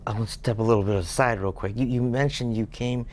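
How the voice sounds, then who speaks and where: Male interview host, mid pitch, encouraging, nods along with yeah and wow. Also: steady tone, fast, darkish tone. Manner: encouraging, frequent short affirmations. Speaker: talk show host.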